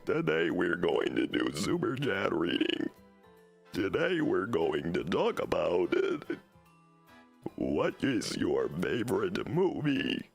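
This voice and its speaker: A stiff, slow text-to-speech robot voice, as a man puts it on while breathing in, clipping each word in a stilted monotone. The sound is gravelly and rough. Behind it, some music plays faintly. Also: deep voice, pitched below the performer's own voice, heavily acted. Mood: robotic. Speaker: livestreamer.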